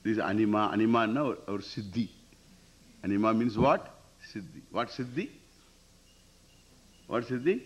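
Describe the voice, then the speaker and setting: A man's voice: on the low side, moderate pace, long pauses, dull audio. A man with an Indian accent giving a spiritual discourse, explaining Sanskrit verse emphatically, repeating phrases and posing questions to listeners. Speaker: spiritual teacher. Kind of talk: Vedanta scripture discourse with Sanskrit recitation.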